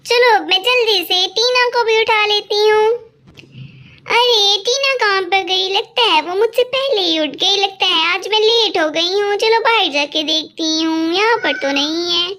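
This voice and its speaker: A woman's voice: very high voice, unhurried, bright, forceful tone, heavily acted. Woman voicing a worried little girl doll. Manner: worried calling out. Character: young girl doll, anxious and searching. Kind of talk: doll storytelling.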